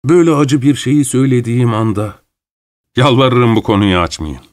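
A man reading an audiobook, voicing a fawning middle-aged widower who speaks in a shrill, affected, theatrical way. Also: normal speed, close to an everyday voice. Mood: sly. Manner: gushing, theatrical, overly familiar.

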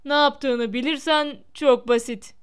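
A woman voicing a vain, self-important grown man who talks loudly in a storybook reading. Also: high-pitched, steady tone, slow. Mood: boastful.

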